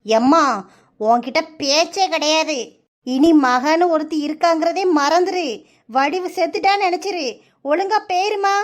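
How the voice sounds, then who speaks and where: A woman's voice: very high voice, unhurried. A woman voicing a reproachful, indignant middle-aged village mother in a cartoon, with a southern Tamil Nadu accent. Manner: reproachful, scolding.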